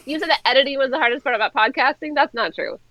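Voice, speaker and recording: A co-author guesting on a casual video-call interview discusses co-writing in a thoughtful, hedging way, with fillers. She speaks rapid-fire in a high-pitched voice over a loud crowd, and the call audio is dull and dry.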